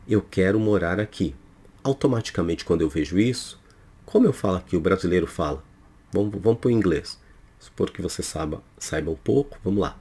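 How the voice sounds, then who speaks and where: A man's voice: fairly low pitch, creaky, dark tone, husky. A Brazilian man teaching English pronunciation, explaining his course over slides in a didactic way and often checking in with his listeners.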